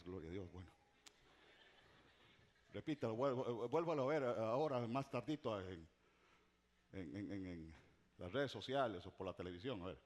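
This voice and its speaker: Animated middle-aged pastor preaching. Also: male voice, mid-range voice. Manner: preaching with dramatic repetition and swings from loud to hushed; humorous asides to the congregation. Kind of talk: sermon.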